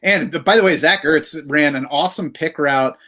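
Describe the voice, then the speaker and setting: A man breaking down fantasy football in a steady, matter-of-fact casual podcast chat. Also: on the high side, moderate pace.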